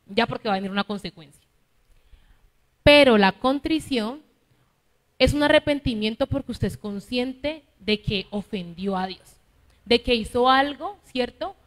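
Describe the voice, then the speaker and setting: Woman preacher in an echoing church hall. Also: mid-range voice. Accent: Colombian Spanish, Cali. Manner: teaching, asks listeners for agreement with "¿cierto?". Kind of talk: sermon.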